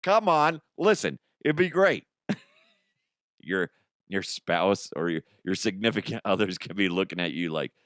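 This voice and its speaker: Deep-voiced and unhurried, a male comedy host gives a loose monologue, swearing and laughing frequently. He animatedly acts out people he quotes, and the recording is dry and close-miked.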